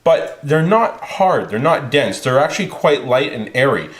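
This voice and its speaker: A man leading a home cooking demonstration, calmly explaining each step to a child in a kitchen. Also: mid-range voice, normal speed. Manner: calm, explaining steps to a child. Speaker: home cook. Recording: roomy kitchen echo.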